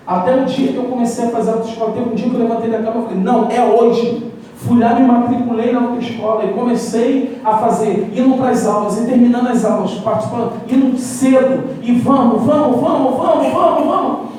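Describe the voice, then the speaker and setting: A man with a Brazilian Portuguese accent preaching a sermon and telling lively personal stories, acting out his own doubts. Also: high voice, slight background noise. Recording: echoey hall, mic far off.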